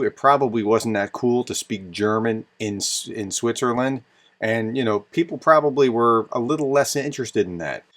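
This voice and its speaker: Sarcastic man commenting on news clips. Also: mid-range voice. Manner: sarcastic and exasperated. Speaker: commentator and channel host.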